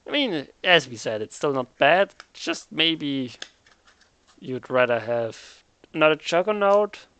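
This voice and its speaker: A man's voice: a little high, animated, slow pace, a bit bright, clean tone, dry recording. A man hosting a casual game recap, chatty and joking as he thinks aloud. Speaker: recap host.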